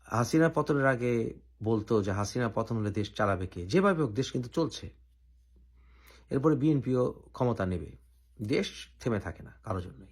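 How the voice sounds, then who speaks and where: A man from Bangladesh hosting his own channel, giving an opinionated political commentary and laying out his argument point by point with deliberate pauses. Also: mid-range voice, slightly rough.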